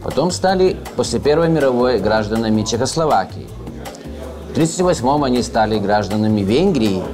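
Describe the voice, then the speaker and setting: A thoughtful, hesitant author from Uzhhorod in western Ukraine is a guest in a relaxed interview, seated at a table in a cozy room full of wall clocks, with music playing behind him. His mid-range voice is animated and moves at a normal speed, with frequent filler sounds and self-corrections.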